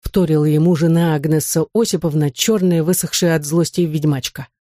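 A woman narrating an audiobook in an even storytelling manner. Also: low voice, brisk, no echo, clean studio sound. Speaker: audiobook reader. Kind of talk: scripted narration.

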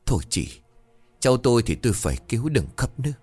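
A shaken uncle gasps out his words, voiced by a man. The voice is breathless and rattled, with lively swings in pitch. It is read aloud as a ghost story. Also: fast talker, breathy edge, faint music behind. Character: frightened middle-aged uncle.

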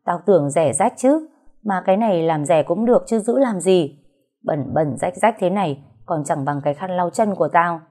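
A spiteful middle-aged stepmother, deep-voiced and mellow, who sneers and hurls insults until she is shouting, as a woman narrator puts her on. The audio story keeps her sharp and scornful. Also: lively intonation, normal speed. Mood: scornful taunting.

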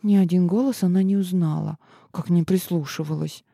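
A woman narrating a fantasy audiobook in an expressive, tense manner. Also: lowish voice, brisk, gravelly, husky, no room sound, clean studio sound.

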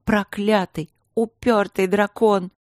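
A woman's voice: medium pitch, steady tone, takes it slowly, darkish tone, no room sound, studio quality, pitched above the performer's own voice, lightly acted. A woman voicing a proud, fiery young princess who speaks in an impassioned way. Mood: furious. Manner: pleading, impassioned.

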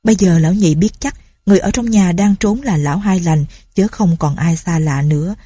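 A woman narrates a story in a calm, even reading style. Her voice is low, mellow and husky. The recording is close and dry with no room sound. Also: brisk, no echo.

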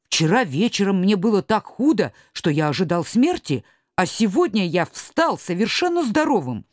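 A woman's voice: medium pitch, big pitch swings, moderate pace, no echo, studio quality, pitched above the performer's own voice. A woman voicing an astonished adult miller who has just woken up well. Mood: amazed. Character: grown man, a miller amazed at recovery.

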